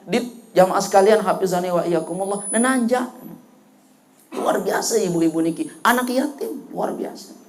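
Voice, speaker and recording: A high-pitched male preacher with a Sasak accent giving a humorous sermon. He tells stories in a lively way and switches freely between Indonesian and local phrases. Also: moderate pace, background noise. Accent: Sasak (Lombok).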